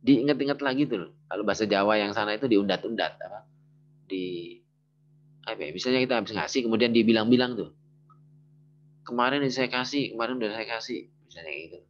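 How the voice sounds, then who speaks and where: Low-voiced man teaching grammar, muffled sound. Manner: thinks aloud, searching for words. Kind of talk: casual explanatory lesson. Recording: dull lo-fi recording.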